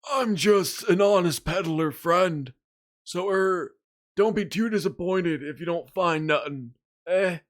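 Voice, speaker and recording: A man's voice: sits high, slow, pitched above the performer's own voice. A man voicing a shifty old male peddler in a raised, wheedling voice.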